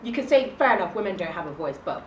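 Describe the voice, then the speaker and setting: A woman's voice: lowish voice, very animated, fast talker, slight background noise. A woman in a casual group discussion, talking emphatically and growing insistent as she argues her point. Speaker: discussion panelist. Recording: roomy echo, mic at a distance.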